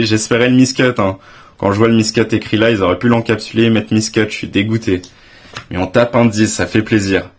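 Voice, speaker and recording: A young man with a French accent, giving casual, excitable commentary as he reveals graded trading cards, exclaiming often with slang. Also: on the low side. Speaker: card collecting YouTuber.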